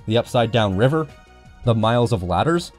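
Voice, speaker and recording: A man's voice: mid-range voice, lively intonation, normal speed, faint music behind. A man narrating a scripted video game review in a sardonic, exasperated manner, swearing freely.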